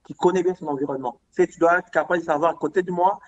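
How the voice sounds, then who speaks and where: A young man telling a story in casual chat, animated, repeating words and acting out the dialogue. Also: on the high side, very fast, a little hiss or hum. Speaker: podcast guest. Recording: dull lo-fi sound.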